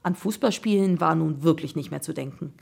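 A woman's voice: sits low, brisk, vocal fry, a little mellow, husky. A woman narrating a children's crime audiobook in a suspenseful storytelling manner.

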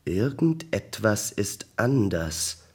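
A man voicing a grumpy, laid-back male detective who talks in a gruff, dry, bored way. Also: mid-range voice, lively intonation, takes it slowly, pitched above the performer's own voice.

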